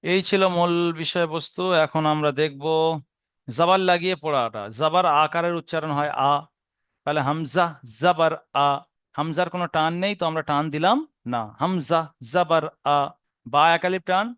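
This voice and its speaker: Male teacher, Bengali accent, smooth higher voice, dry close mic; slow patient explaining, drawn-out recitation of letter sounds. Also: steady tone, fairly bright tone, dry recording. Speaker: Quran reading teacher. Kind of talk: recorded lesson.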